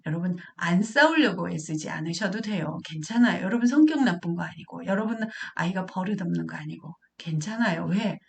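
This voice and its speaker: A woman's voice: lowish voice, lively intonation, fairly quick, vocal fry, hardly any pauses. A middle-aged woman lecturing parents as a counselor. She asks questions and answers them herself. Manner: acts out quotes of parent and child in a raised voice.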